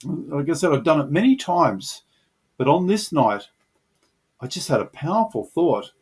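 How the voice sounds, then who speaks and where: A man's voice: a little high, very animated, unhurried, a little mellow, husky. A middle-aged man earnestly telling the personal story of how he came to faith, in a reflective storytelling manner. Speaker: channel host sharing his testimony.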